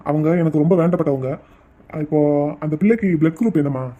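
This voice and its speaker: A man's voice: on the high side, lively intonation, fast talker, warm tone, dull audio. A man voicing a persistent middle-aged visitor who keeps pleading. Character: insistent middle-aged man pressing for information.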